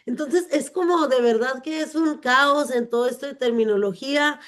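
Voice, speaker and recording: A woman's voice: high voice, moderate pace, a bit bright. A woman hosting a speech therapy forum, talking casually and searching for words. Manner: rambling, hesitant, searches for words. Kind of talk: casual panel chat.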